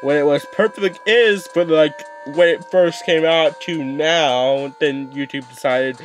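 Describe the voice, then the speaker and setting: A man's voice: on the high side, a little slow, faint music behind. A young man rambling through casual let's play commentary, swearing often and restarting his sentences. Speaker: gaming YouTuber.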